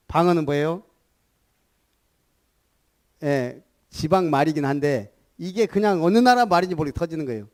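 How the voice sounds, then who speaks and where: Preaching with animation, a high-voiced pastor from Gunsan, Jeolla, South Korea gives his sermon. Rhetorical questions and calls for repetition run through his delivery.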